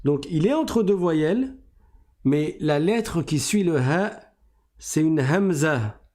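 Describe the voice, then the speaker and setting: A man gives a recitation lesson at an unhurried, careful pace. His voice sits a little high for a man. He explains patiently and repeats each rule so the class can follow. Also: expressive, a little mellow. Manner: slow, deliberate explaining, repeats rules. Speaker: Quran recitation teacher.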